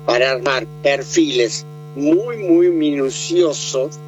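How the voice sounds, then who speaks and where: A man's voice: medium pitch, takes it slowly, dull audio, a little hiss or hum. A man, explaining politics conversationally, with many hesitations and restarts. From Argentina. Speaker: political commentator.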